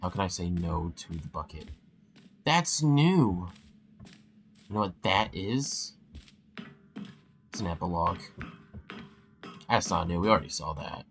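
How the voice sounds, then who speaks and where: Bright-voiced, playful gaming YouTuber man. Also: low voice, normal speed, vocal fry, long pauses, a little hiss or hum. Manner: excitable and playful. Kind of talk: casual gameplay commentary.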